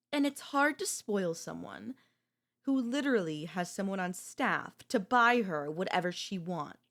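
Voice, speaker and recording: A woman performing an ASMR audio role-play as a girlfriend, speaking calmly with a cutting, quietly possessive edge. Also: mid-range voice.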